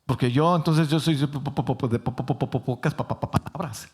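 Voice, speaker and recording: A timid prophet stumbles over his words in a Mexican Spanish accent, begging to be let off the hook, as a preacher acts him out. He repeats syllables and hesitates, and his voice rises and falls in a lively way. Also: sits high, a little slow, full character voice. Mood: stammering. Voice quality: stammering, hesitant. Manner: pleading, self-deprecating. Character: timid older male prophet, stammering and pleading.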